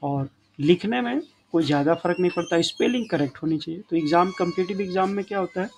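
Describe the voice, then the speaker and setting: A man's voice: high voice, quick pace, creaky, a little hiss or hum, low-quality recording. A man teaching English grammar in a classroom style lesson, often stopping to check that his students follow. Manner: addresses students as children, frequent checking tags.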